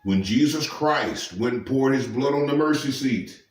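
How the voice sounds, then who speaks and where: A man's voice: mid-range voice, lively intonation, normal speed, echoey room, distant mic. A man preaching informally to camera, emphatic and firing rhetorical questions at the listener. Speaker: street preacher.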